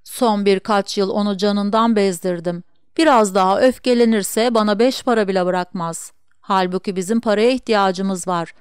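Woman doing an angry reckless young man, urgent, smooth dry voice, audiobook. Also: mid-range voice, no room sound, lightly acted. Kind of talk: audiobook reading.

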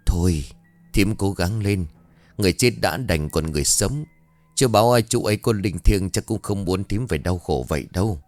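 A kindly older village neighbor woman offers soft, steady comfort, as a male narrator reads her lines. Her voice sits low and close, lightly shaped rather than fully acted. Faint music runs quietly behind her in a dry, close sound. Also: normal speed, no echo. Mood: consoling. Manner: soothing, gently urging.

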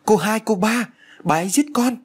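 A man's voice: high-pitched, normal speed, breathy edge, pitched above the performer's own voice. A man playing a young servant woman who pushes back and cries for help in a storybook reading. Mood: alarmed. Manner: terse, then crying for help.

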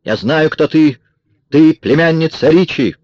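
A man voicing a desperate, fierce young woman holding a gun, raising his voice to a shrill, shouting pitch. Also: big pitch swings, unhurried, no echo. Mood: furious. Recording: dry, dull lo-fi recording.

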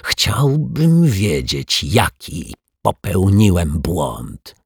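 A man voicing a sly, menacing male stage magician with a raspy voice, in a storybook reading. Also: sits low, very animated, no room sound, studio quality, full character voice. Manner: slow, mocking, teasing menace.

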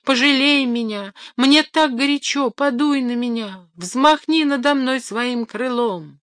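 A woman voicing a small, vain half-rooster who crows, flatters and begs in a storybook reading. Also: high-pitched, measured pace, no room sound, studio quality, pitched above the performer's own voice. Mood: weak pleading. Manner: crowing, flattering, pleading.

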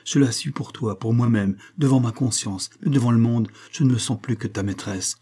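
A man reading aloud voices a young woman who speaks softly but firmly, with pained resolve. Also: medium pitch, normal speed, husky, natural voice. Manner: soft yet firm, pained.

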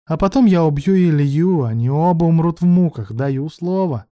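A man voicing a cruel, scheming older woman who drags out her words with slow mockery. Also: a little high, animated, mellow, dry recording, studio quality, pitched above the performer's own voice, close to an everyday voice. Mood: menacing. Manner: slow mocking drawl. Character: scheming cruel older mother, female villain.

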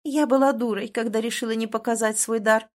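A woman's voice: high voice, unhurried, pitched above the performer's own voice. Woman voicing a sing-song scheming dragoness. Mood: sultry. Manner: sing-song, wheedling, theatrical.

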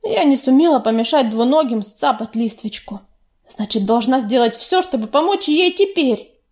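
A woman voicing a female warrior cat from a storybook, speaking plainly and quietly. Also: sits high, animated, normal speed. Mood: sad resolve. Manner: plain, quiet, matter-of-fact.

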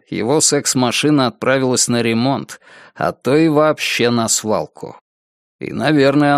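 A man's voice: medium pitch, no room sound, studio quality. Man narrating an audiobook, wry. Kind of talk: scripted narration.

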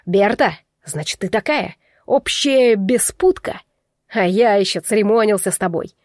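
A woman voicing a jealous, crude bull-man who shouts furious insults. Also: medium pitch, expressive, a little slow, dry recording, clean studio sound, lightly acted. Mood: enraged shouting.

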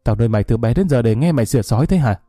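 A man's voice: mid-range voice, expressive, racing, warm tone, no room sound, clean studio sound, lightly acted. A man voicing a cold, domineering middle-aged father who barks harsh scoldings at his son. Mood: furious.

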